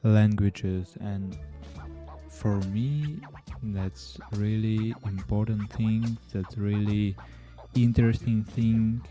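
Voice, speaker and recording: A podcast host talks casually on his own, a man with a fairly low, slow, mellow voice and a Ukrainian accent. His first languages are Ukrainian and Russian, and he speaks haltingly, with many pauses, restarts and non-native grammar.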